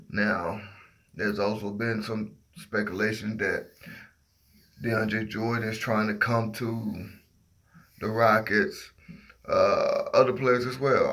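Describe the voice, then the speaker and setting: A sleepy man hosts a casual sports livestream, half asleep after working all night. His voice sits on the low side and is a bit bright, and he gropes for words as his train of thought drifts while he gives his opinions.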